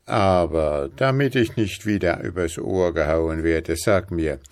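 A man reading a fairy tale and voicing the Devil, loud and exclaiming. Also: low voice, measured pace, dry recording. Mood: blustering. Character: the Devil, blustering and easily baffled.

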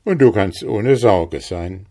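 A man doing a smug, ancient man from a storybook, low-voiced and unhurried. He speaks slowly and with full assurance, savoring every boast about his hidden heart. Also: lively intonation, darkish tone. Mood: assured. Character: old man who cannot die, smug. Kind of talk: fairy tale reading.

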